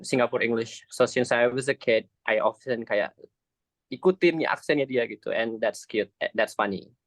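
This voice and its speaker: A man's voice: mid-range voice, moderate pace, no room sound. A young man chatting casually, switching between Indonesian and English. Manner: mixes English into casual speech. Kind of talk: casual chat in a class discussion.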